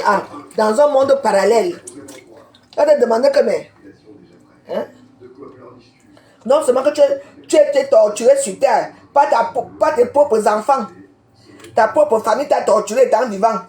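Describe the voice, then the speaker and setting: A Cameroonian woman, a social media commentator, rants heatedly on a live video, confronting people by name and repeating herself. Her voice is fairly high and warm in tone, and the recording has a roomy echo.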